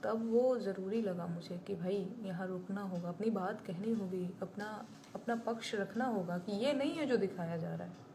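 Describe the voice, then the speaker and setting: A woman's voice: mid-range voice, moderate pace, mellow, slight background noise. A woman singer-songwriter talking bluntly and indignantly to her viewers on a live stream. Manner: blunt and indignant, plain-spoken.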